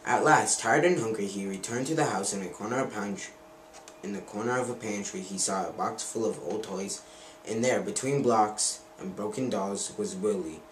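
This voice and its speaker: Brief: man reading a children's picture book aloud, earnest and stumbling a little; lowish voice, distant and roomy camcorder sound. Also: moderate pace. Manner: earnest read-aloud with slips and self-corrections. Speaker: reader. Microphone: handheld camcorder mic. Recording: roomy, distant camera mic, faint noise.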